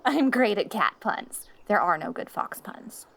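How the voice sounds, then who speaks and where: A woman's voice: mid-range voice, lively intonation, unhurried, vocal fry, fairly bright tone, heavily acted. A woman playing a jealous, possessive catgirl in an audio role-play, smug and cutesy as she sweet-talks and bickers. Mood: boastful, cutesy.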